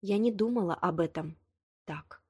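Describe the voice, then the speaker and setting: A woman reading the lines of a prickly young woman, hurt but proud, defensive and quick to flare up. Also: lowish voice, dark tone, breathy edge, dry recording, studio quality. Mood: tearful. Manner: tearful, defensive, flaring. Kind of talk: audiobook dialogue reading.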